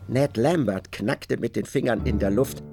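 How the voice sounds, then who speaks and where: A man narrating a literary radio play in a measured, even storytelling manner. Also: medium pitch, creaky, faint music behind.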